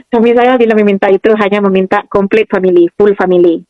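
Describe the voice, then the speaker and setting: This testimony comes from a woman of Madura, Indonesia, who relates her personal journey of faith and keeps addressing people as "saudara." She talks quickly in a mid-range, fairly even tone, captured in a dry recording that sounds narrow and tinny.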